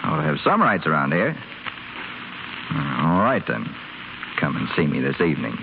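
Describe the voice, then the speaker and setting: With a bass voice that swoops wildly in pitch, creaky and exaggerated, an actor at a moderate pace plays a restless, spoiled young rich man in hospital. He's flippant, sardonic and wisecracking, 1930s radio drama style, over a tinny, faintly hissy broadcast.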